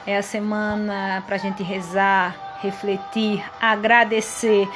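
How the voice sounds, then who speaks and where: A woman's voice: medium pitch, level tone, takes it slowly, noisy background. A Brazilian woman teaching a grammar lesson to sixth graders in an affectionate, explanatory way, voicing her pupils' questions herself. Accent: Brazilian Portuguese.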